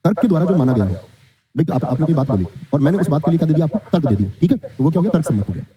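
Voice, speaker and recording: Fast-talking male teacher. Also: fairly high pitch, sing-song, dark tone. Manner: quizzing, answers his own questions, reads student comments. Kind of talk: online exam-prep class. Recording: dull lo-fi sound.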